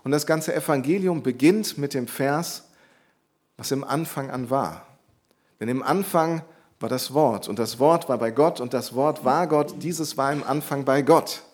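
A man's voice: medium pitch, measured pace. Earnest man preaching a Bible sermon. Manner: earnest, explanatory, repeats key phrases for emphasis.

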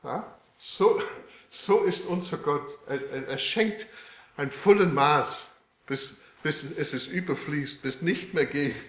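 A man preaching a sermon with a live demonstration, speaking in a halting way with many fillers and restarts. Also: a little high, fairly bright tone. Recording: echoey room.

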